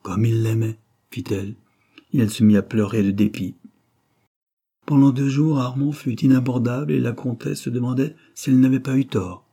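Mellow, husky-voiced male audiobook narrator. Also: medium pitch. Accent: French. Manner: measured, expressive reading. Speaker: audiobook reader. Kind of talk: scripted narration of a classic novel.

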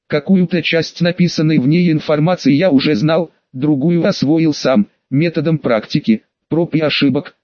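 A man reading a first-person fantasy audiobook in a steady, even storytelling manner. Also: fairly high pitch, no echo, lo-fi sound. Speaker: audiobook narrator.

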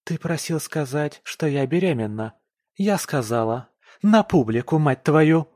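A hysterical young woman who shrieks and snaps, pitched well above her reader's voice, as a man puts her on. She sounds loud and raw. The recording is dry and close. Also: lively intonation, very slow, dry recording, exaggerated voice. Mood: furious shouting. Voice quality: shrill, screaming.

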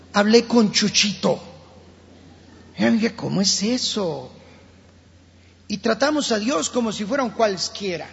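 High-voiced Colombian preacher, gravelly. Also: male voice. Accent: Colombian Spanish. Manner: impassioned preaching, drops to hushed tones. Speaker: pastor. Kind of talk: sermon. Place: church sanctuary. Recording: dull lo-fi church hall recording.

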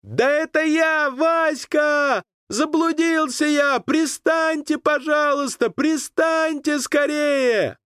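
A man voicing a young boy lost on a riverbank, calling out high and drawn out. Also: lively intonation, unhurried, a bit bright, dry recording, studio quality, full character voice. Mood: desperate shouting.

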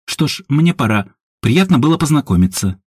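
A man voicing a calm, wry young man with an unruffled manner. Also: medium pitch, normal speed, husky, no echo, studio quality, pitched above the performer's own voice.

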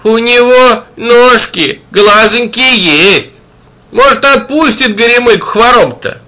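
A man voicing a soft-hearted peasant woman who pleads in a coaxing, sing-song way. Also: extremely high pitch, slow, voice pushed up, full character voice. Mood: pleading.

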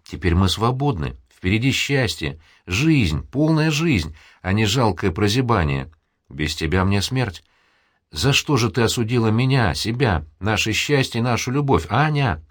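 A man's voice: on the low side, lively intonation, measured pace, no room sound, clean studio sound, voice pushed up. A man reading the part of a passionate young man who pleads for love. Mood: pleading. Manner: impassioned, pleading.

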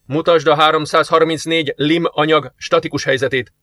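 Man doing a brisk deputy commander giving orders, short commanding lines, dry close sound. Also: on the high side, steady tone, a bit bright, no room sound, pitched above the performer's own voice, natural voice. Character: eager male deputy commander investigating a murder.

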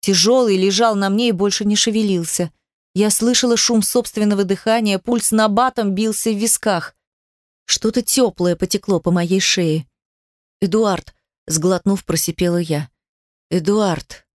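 A woman's voice: mid-range voice, steady tone, normal speed, no echo, clean studio sound. A woman giving emotional first-person narration of a dramatic story in a tearful tone. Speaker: audiobook narrator.

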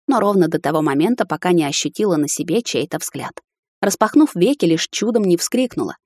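Female audiobook narrator, first person; measured, expressive, low-set voice, dry. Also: dry recording.

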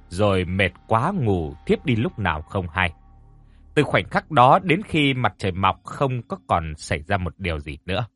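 A man narrating a ghost story with an expressive, dramatic reading. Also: medium pitch, slightly rough.

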